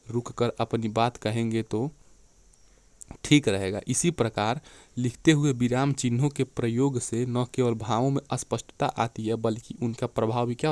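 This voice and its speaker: A man teaching an exam-prep lecture, often checking in with his students and slowing down to read definitions and examples aloud. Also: mid-range voice, darkish tone, dry recording. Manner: keeps checking in with "theek hai" and "dekhiye".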